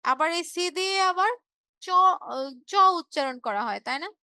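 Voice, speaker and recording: A woman's voice: sits high, lively intonation, normal speed, sharp tone, no echo. A woman teacher from Bangladesh giving an online revision class, explaining patiently, repeating key words and checking in with her students.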